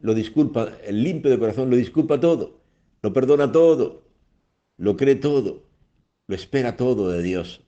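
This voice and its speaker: A man's voice: medium pitch, lively intonation, normal speed, warm tone, lo-fi sound. A man preaching a sermon on the radio, emphatic, with repeated phrases and rhetorical questions.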